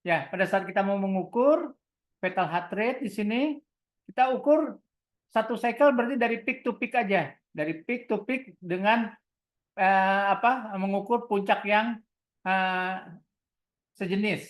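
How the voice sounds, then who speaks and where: A woman's mid-range voice moves at a measured pace; she has an Indonesian accent and works as a product trainer running a software tutorial. Step by step through online equipment, she often asks questions and then answers them herself in an instructional way.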